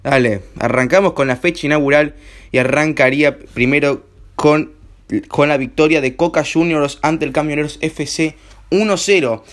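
Slightly hoarse young Argentine man hosting. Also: on the high side, moderate pace. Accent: Argentine Spanish. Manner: rambling, slangy, peppered with filler words. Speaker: host. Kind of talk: casual home-made radio show.

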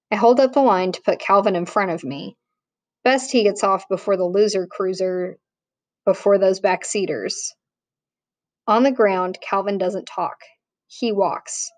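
A woman reading a novel aloud in a plain, measured way, with small restarts. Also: medium pitch, no echo. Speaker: audiobook narrator. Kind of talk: audiobook reading.

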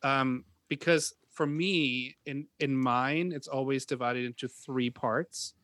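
A man's voice: medium pitch, fairly even intonation, slow, fairly bright tone, no room sound. A man co-hosting a casual podcast with fellow teachers, steering the talk with questions. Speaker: teacher co-host.

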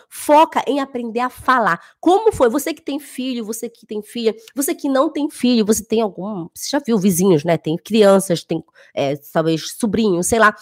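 High-voiced emphatic woman teacher. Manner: emphatic, repeats phrases for stress. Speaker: German teacher. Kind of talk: casual talk to camera.

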